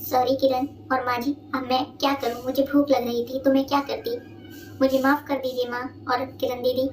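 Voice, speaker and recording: A woman's voice: high voice, flat delivery, moderate pace, close to an everyday voice. A woman voicing a hungry young daughter-in-law who talks nervously and fibs in a cartoon story. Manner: nervous, fibbing. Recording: echoey room, distant mic, noisy.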